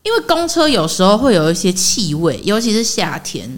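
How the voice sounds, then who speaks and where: Lively Taiwanese woman telling commute stories. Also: medium pitch, brisk. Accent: Taiwanese Mandarin. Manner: lively storytelling, laughs often, acts out quotes. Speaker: podcast co-host. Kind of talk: casual chat.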